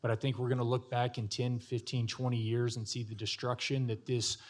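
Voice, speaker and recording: A county commissioner speaks off the cuff at a public meeting, halting and often doubling back on words as he searches for the next phrase. His voice is mid-range with little pitch movement.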